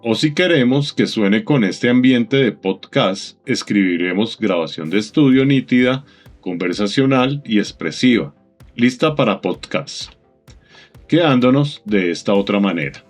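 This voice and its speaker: A man narrating a software tutorial in a calm, methodical, instructive voice-over. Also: on the low side, a little slow, soft background music.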